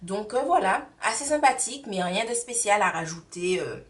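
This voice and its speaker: A woman's voice: medium pitch, animated, normal speed, far from the mic. A woman beauty vlogger reviewing products in a casual, rambling chat full of hesitations and fillers.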